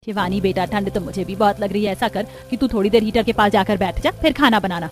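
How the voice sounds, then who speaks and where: A woman's voice: medium pitch, quick pace, music in the background, natural voice. A woman voicing a caring but stern middle-aged mother-in-law in a cartoon story. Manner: firm, motherly. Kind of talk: cartoon voice acting.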